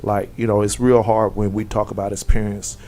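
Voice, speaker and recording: A man's voice: fairly low pitch, flat delivery, brisk, slight background noise. A man hosting an internet radio talk show, speaking earnestly and from the heart. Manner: earnest, heartfelt shout-outs.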